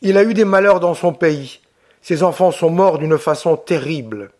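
A man's voice: fairly high pitch, normal speed, a little mellow, natural voice. A man doing a chatty farm woman. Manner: talkative, apologetic.

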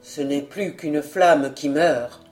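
A woman's voice: expressive, darkish tone, faint music behind. A woman doing a grieving, bitter nobleman. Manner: slow, sorrowful, lowered voice.

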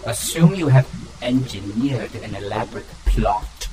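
Man as a bombastic archaic villain, slow and swooping, crowd behind. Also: mid-range voice, animated, close to an everyday voice, poor audio. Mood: scheming. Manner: theatrical mock-archaic bombast. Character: pompous villainous male schemer Balthazar. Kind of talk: audio drama acting.

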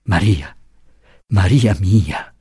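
A man's voice: deep voice, very slow, dark tone, slightly rough, no room sound, studio quality, full character voice. A man reading aloud, voicing a young father whose speech is broken and pleading with grief. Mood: sobbing. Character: young father, sobbing and shaken.

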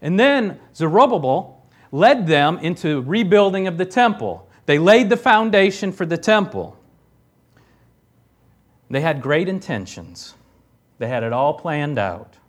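Emphatic preaching man, slightly high voice. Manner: emphatic preaching, rising loud on key phrases; reads scripture aloud with conversational asides. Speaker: pastor. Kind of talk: sermon.

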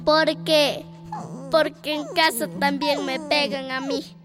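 A woman's voice: sits high, level tone. A woman voicing a young girl in a children's story, speaking in a childlike way, over background music. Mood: earnest. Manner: childlike, slow-spoken. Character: young girl, moody then loving.

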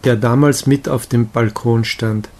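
A man reading the excited exclamations of a carefree young wanderer in an audiobook of a romantic novella. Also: mid-range voice, measured pace, close to an everyday voice. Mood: eager. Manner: eager, exclaiming.

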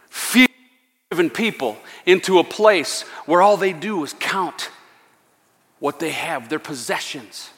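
A man preaching a sermon as senior pastor, swinging from hushed tones to loud, fervent calls and dropping in joking asides with a chuckle. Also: a little high. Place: church sanctuary. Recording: echoey church hall.

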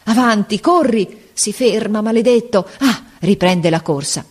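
Storybook army captain, male, desperate and commanding, shouted high and strained; a woman voices him. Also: measured pace, husky. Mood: frantic shouting. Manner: shouted, urgent orders and curses.

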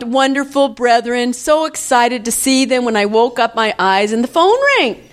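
A woman in her fifties telling a personal testimony in church, in an animated, chatty storytelling way with frequent laughter. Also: a little high. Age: 50s. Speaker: church member giving a testimony.

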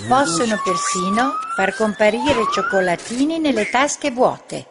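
A woman narrating a children's storybook in a slow, expressive reading voice. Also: high voice, background noise. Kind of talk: children's story read-aloud. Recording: music bed under the voice.

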